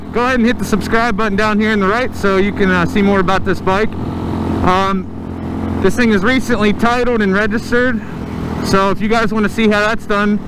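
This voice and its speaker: A man giving casual riding commentary, his voice slightly muffled as if through a mask covering his mouth. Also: high-pitched. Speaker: motorcycle vlogger. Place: outdoors, riding a motorcycle on the road. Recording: muffled, loud engine and wind noise. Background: loud motorcycle engine and road noise.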